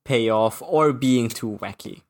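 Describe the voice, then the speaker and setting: A man talks through a movie review in loose, halting sentences, stopping and restarting his thoughts with plenty of "uh" and "like". It is relaxed podcast chat between two co-hosts. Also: medium pitch. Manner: halting, full of fillers and restarts. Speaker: podcast co-host.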